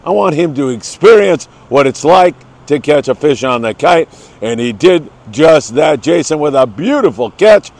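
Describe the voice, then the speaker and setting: A man's voice: fairly high pitch, expressive, normal speed, darkish tone. A man with a lingering cold hosting an upbeat morning fishing briefing, talking to viewers in an effusive, folksy way. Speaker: host of a fishing report show. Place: outdoors by the coast in the morning.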